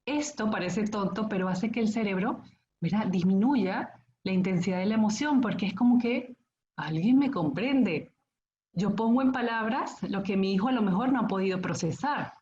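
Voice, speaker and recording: A middle-aged woman giving a calm, explanatory talk to parents, often checking in with her listeners as she goes. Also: medium pitch, normal speed, echoey room, lo-fi sound, slight background noise. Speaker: school conference speaker.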